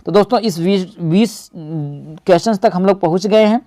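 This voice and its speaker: A man's voice: high voice, moderate pace, warm tone. Man, teacher, exam-prep lesson, asks and answers his own questions, talks to viewers as friends.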